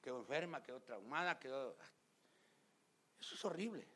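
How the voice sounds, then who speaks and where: Male pastor, fiery sermon, swoops all over the place, bright hard tone, acts out little scenes. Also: medium pitch, lively intonation, normal speed. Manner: loud and emphatic, often shouting; talks straight to the congregation. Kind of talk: fiery preaching.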